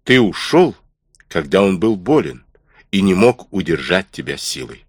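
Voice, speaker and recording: A man's voice: low-pitched, very animated, measured pace, breathy edge, dry recording, studio quality, exaggerated voice. A man voicing a kindly but stern middle-aged ship's doctor in an audiobook, earnest and reproachful.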